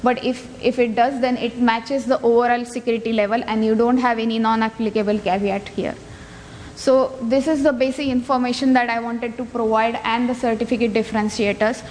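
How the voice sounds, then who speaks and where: A woman's voice: on the high side, steady tone, brisk, darkish tone. Woman presenting in an echoey hall. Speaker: conference speaker. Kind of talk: explanatory technical presentation. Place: large indoor conference room. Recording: echoey hall, noticeable background noise.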